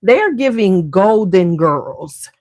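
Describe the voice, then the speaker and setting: A woman's voice: medium pitch, expressive, slow, a little mellow, no room sound. A woman hosting a beauty livestream, chatting casually and slangily straight to her viewers.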